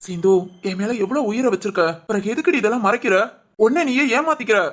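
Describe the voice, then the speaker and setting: Woman doing a young man, a bit high-voiced, coaxing, defensive, cartoon drama. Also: lively intonation, quick pace, slight background noise, lightly acted. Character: young man, scheming lover faking poisoning. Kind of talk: Tamil cartoon drama voice acting.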